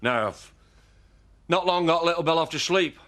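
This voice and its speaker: A man's voice: expressive, moderate pace, a bit bright. An actor playing a menacing, possessive man in a television soap drama, threatening and contemptuous. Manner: threatening, contemptuous, growling low at times. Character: menacing, possessive man defending his farmhouse.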